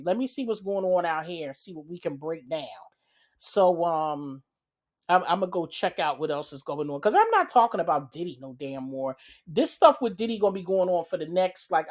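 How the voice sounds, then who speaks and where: A woman with a slightly low voice runs her own gossip channel. She talks in a chatty, sassy way and calls listeners "honey." Her delivery is loose, with many repeats and fillers. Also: a little mellow. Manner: chatty, drawn-out, repeats herself, frequent fillers; sassy, addresses viewers with "child" and "honey". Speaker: channel host. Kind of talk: casual celebrity gossip commentary.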